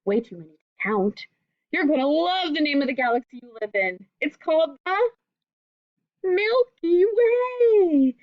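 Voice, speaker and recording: This high-pitched woman reads a kids' book aloud a little slowly, full of expression and simple phrasing, with teacher-like side explanations for young children. There's no room sound, and the quality is lo-fi.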